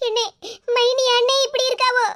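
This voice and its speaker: A woman's voice: very high voice, level tone, normal speed, a bit bright, no room sound. A woman voicing a young village woman in a cartoon, an anxious, pleading sister speaking with a Tirunelveli Tamil accent. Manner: pleading, repeatedly calling out.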